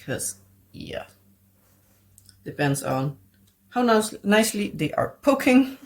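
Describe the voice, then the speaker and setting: Deep and gravelly, the voice belongs to a Dutch woman with a Dutch accent who vlogs about crafts from home. She chats casually as she crafts, meandering, reaching for English words, and laughing lightly again and again.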